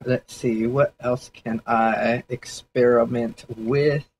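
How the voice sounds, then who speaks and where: A man's voice: medium pitch, steady tone, slow pace, darkish tone, a little hiss or hum, low-quality recording. A man casually thinking aloud during a livestream sketch session, rambling and hedging with fillers as he explains his ideas. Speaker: 3D artist streaming a sketch session.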